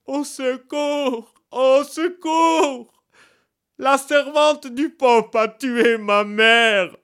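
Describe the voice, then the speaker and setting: A man voicing a village simpleton in a folk tale, with high-pitched, drawn-out wailing cries. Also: big pitch swings, dry recording, studio quality. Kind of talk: storytelling.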